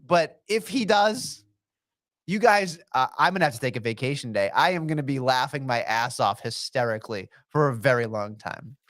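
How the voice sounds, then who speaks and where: A man co-hosting a wrestling podcast, talking in an animated, joking and profane way. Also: mid-range voice, moderate pace. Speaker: podcast co-host. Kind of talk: casual wrestling chat.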